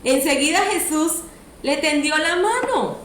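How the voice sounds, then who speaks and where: A woman's voice: sits high, lively intonation, measured pace, a bit bright. A woman preacher, delivering a sermon and often asking the audience questions. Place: church hall. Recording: echoey church room, faint noise.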